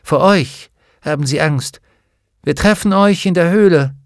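A man voicing a calm, ageless witch in a storybook reading, giving firm instructions. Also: a little high, unhurried, no room sound, studio quality, voice pushed up. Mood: commanding. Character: calm ageless witch woman, cool and commanding.

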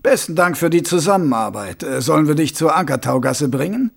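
A man voicing a shrewd, middle-aged watch captain who gives brisk orders in a dry, commanding manner. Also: on the high side, expressive, creaky, husky, heavily acted. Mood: dry cunning.

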